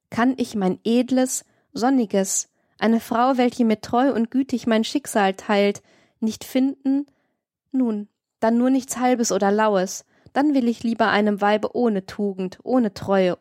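A woman's voice: a little high, no room sound, clean studio sound. Woman reading a literary audiobook. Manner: expressive, theatrical storytelling. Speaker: audiobook narrator.

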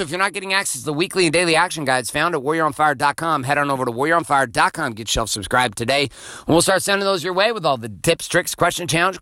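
A man's voice: fairly high pitch, sharp tone, no room sound, clean studio sound. A man in his forties hosting a podcast, giving a blunt, profane motivational monologue. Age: 40s. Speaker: podcast host.

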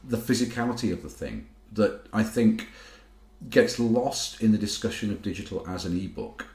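In an echoey room, a man with a lowish, darkish voice talks fast in a casual discussion. He rambles in long sentences, correcting himself as he goes.

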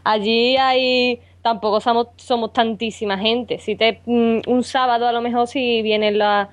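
A woman's voice: a little high, steady tone, a little slow. A woman from Écija, guest on a podcast, speaking casually and hesitantly. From Écija, Andalusia. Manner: hesitant, thinking aloud.

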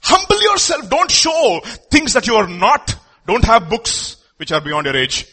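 A man with an Indian accent and a husky voice preaching a sermon emphatically, repeating phrases and posing rhetorical questions. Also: very high-pitched, big pitch swings, a little slow, pushed and bright.

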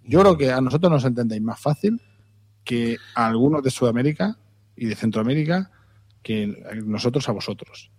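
A man's voice: medium pitch, lively intonation, normal speed, darkish tone. A man from Spain co-hosting a casual podcast chat, chatty and teasing about regional accents. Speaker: podcast co-host.

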